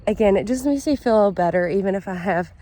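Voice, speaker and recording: A woman with a slightly raspy voice, chatting casually to camera as a vlogger. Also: medium pitch, expressive, fairly quick, warm tone. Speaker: vlogger hosting a week-in-my-life video. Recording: clear background noise, ambience.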